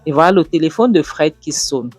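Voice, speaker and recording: A woman hosting a show and giving a casual, halting recap of a series episode. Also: deep voice, animated, a little mellow, breathy edge, faint music behind. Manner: halting, lots of fillers and restarts. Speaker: host.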